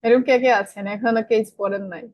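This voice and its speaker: A young woman teaches an online class at a rapid clip. Her voice sits on the higher side, and she keeps quizzing her students and answering herself. The recording is dry and close. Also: fairly even intonation, a little mellow, no room sound. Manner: asks the class questions and answers them herself; colloquial, mixes in English terms. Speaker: English grammar teacher.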